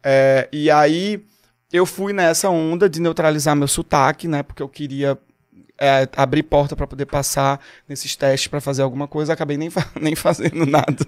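A young man from Pernambuco talks in a relaxed podcast chat, his voice sitting a little high. He rambles and restarts often, with plenty of fillers. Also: normal speed. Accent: Pernambuco Portuguese. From Pernambuco, Brazil. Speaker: guest singer.

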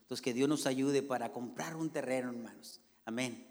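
Fervent pastor preaching in a reverberant church. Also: male voice, medium pitch, normal speed, darkish tone. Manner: fervent preaching, addresses the congregation as "hermanos" after nearly every phrase. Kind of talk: sermon. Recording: long reverb of a church hall.

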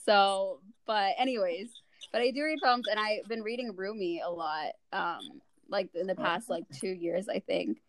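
A woman's voice: medium pitch, measured pace, a little hiss or hum. A young woman hosting a podcast in casual chat, talking candidly in long, rambling sentences full of fillers. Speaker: podcast host.

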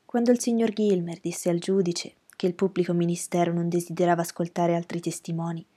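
A woman narrating an audiobook in a soft, quiet voice. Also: fairly low pitch, little pitch movement, fairly quick, husky. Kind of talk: audiobook reading.

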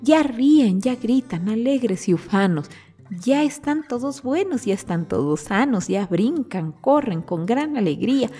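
A woman reads a rhyming children's tale aloud in a lilting, sing-song cadence. She takes her time over each line, and her voice is soft and mellow. Quiet music plays underneath. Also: a little high. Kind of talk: storybook poem reading.

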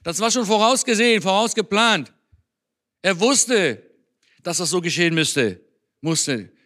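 A man preaching in a church with a fairly high, bright voice. He talks to the congregation in an earnest, conversational way, as if chatting with them. His tone is forceful and clear. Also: animated, measured pace. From Germany. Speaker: speaker on Israel at a church. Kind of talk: sermon.

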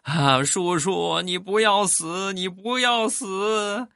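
A man's voice: high-pitched, gravelly, sharp tone, dry recording, studio quality, voice pushed up, heavily acted. A man doing a wailing little boy. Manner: wailing, drawn-out sobbing pleas. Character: small boy, the narrator's crying young nephew.

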